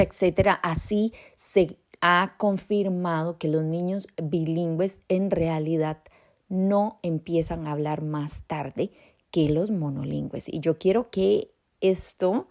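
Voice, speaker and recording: A woman hosts an informative podcast, talking calmly and directly to parents. She speaks slowly, and her low voice often drops into a gravelly fry. She sounds unhurried and steady as she lays out her points. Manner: calm, explanatory, addresses parents directly. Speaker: podcast host on bilingual parenting.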